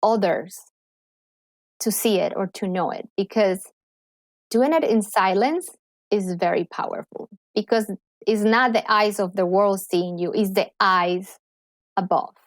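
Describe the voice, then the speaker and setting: A woman from Colombia, a clinical psychologist and healer, joins a casual podcast as a guest and talks with animated enthusiasm. Her medium-pitched voice keeps a measured pace, carries a Colombian accent, and the recording is dry.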